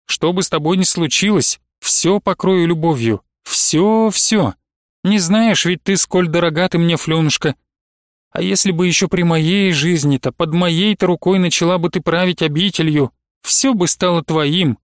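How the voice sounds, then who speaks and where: Brief: male reader as a stately old abbess, slow and solemn, tender under restraint. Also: sits high, dry recording, studio quality. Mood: solemn reasoning. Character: stern aging abbess, dignified yet loving.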